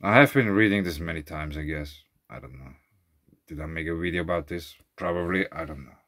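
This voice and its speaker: A man's voice: extremely low pitch, brisk, fairly bright tone. A man from Switzerland vlogging outdoors by a lake, reading facts and then rambling into loose, thinking-aloud asides. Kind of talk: casual musing monologue. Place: outdoors at a lakeside beach.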